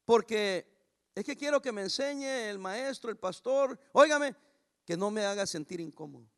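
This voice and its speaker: A man preaching a sermon as pastor, emphatic and raising his voice, reading scripture slowly and deliberately. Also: sits high, expressive, fairly bright tone.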